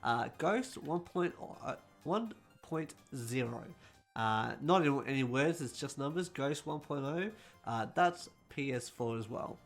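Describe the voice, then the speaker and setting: A man hosting a casual gaming news roundup, talking quickly and correcting himself as he goes. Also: mid-range voice, lively intonation, faint music behind.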